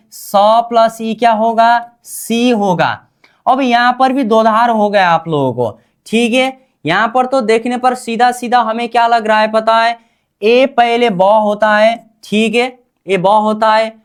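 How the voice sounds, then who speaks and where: Woman language teacher, unhurried delivery, quizzes and answers herself, drills each word again and again. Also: a little high, clean tone. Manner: asks questions and answers them herself, repeats each term. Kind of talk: slow call-and-response lesson.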